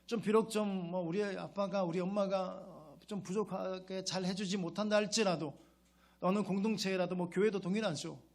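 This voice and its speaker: A man's voice: sits high, steady tone, moderate pace. A male pastor preaching a sermon in a conversational way, often putting rhetorical questions to his congregation and acting out a child's grateful words.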